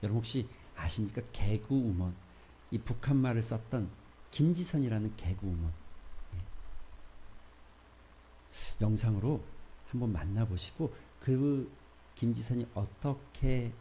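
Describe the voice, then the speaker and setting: A male pastor preaching a sermon in a church, talking slowly to the congregation. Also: medium pitch, lively intonation, mellow, a little hiss or hum.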